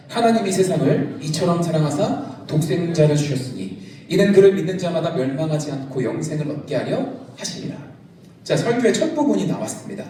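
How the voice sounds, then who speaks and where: A middle-aged male pastor preaching a youth service sermon in a large church sanctuary, lively and joking with the congregation. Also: fairly high pitch. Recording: echoey church hall, from a distance.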